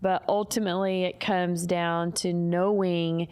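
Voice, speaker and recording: A woman's voice: a little slow, clean tone. Earnest woman telling a story animatedly. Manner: animated, acts out quotes in a higher voice; earnest, faith-centered. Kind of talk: casual storytelling chat.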